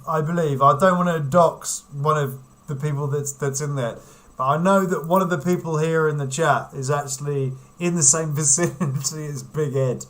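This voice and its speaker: Slow, giggly man hosting a livestream. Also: on the high side, a bit bright. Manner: rambling, giggly, reads out viewer comments. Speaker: livestream host. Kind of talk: casual livestream chat.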